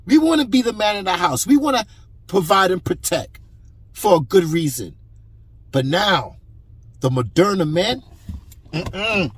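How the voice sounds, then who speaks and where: A man's voice: high-pitched, very animated, unhurried, long pauses, husky. A man giving heated, preachy commentary on a clip, emphatic and repeating himself.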